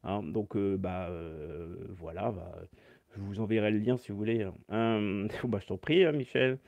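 A man's voice: on the low side, measured pace, dry recording, highs cut off. Chatty male sax teacher on a phone live stream. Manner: chatty, explains step by step, reads chat comments aloud. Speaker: saxophone teacher.

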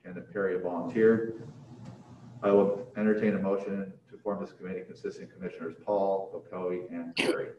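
Reading agenda items formally and fairly quickly, a low-pitched man with a level tone chairs a board meeting in an indoor council chamber. A distant room mic on a video call captures him, sounding echoey and muffled, with slight background noise.

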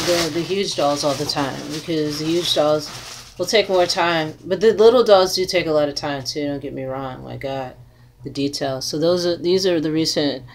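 A woman in her thirties chatting casually to camera in an unhurried, rambling way, as an artist showing her handmade crafts. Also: sits low. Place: small cluttered room indoors. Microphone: device mic at arm's length. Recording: noisy home webcam recording.

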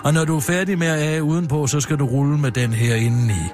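A man's voice: a little high, steady tone, a little mellow, faint music behind, voice pushed up, natural voice. A small, know-it-all boy lectures in a raised, childish voice, as a man plays him. He is a comic figure in a radio sketch. His tone is bossy and matter-of-fact. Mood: instructing. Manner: bossy, explaining. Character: know-it-all little boy, seven, with a magic arm.

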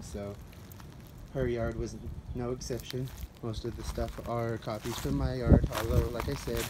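Walking around a residential front yard with a phone in his hand, a gardener gives a casual, unscripted tour in a medium-pitched voice. The outdoor recording is noisy, with dogs around.

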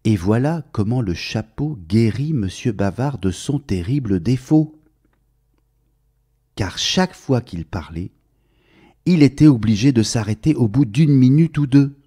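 A man tells a children's story at an unhurried pace, his pitch rising and falling expressively. His tone is warm and mellow, and he speaks gently to the young listener, drawing them into the tale. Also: animated, slightly rough.

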